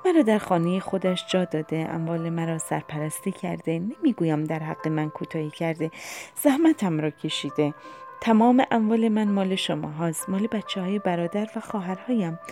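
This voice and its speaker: A woman reading as a gentle lonely old aunt. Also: on the low side, faint music behind, lightly acted. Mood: tender, wistful.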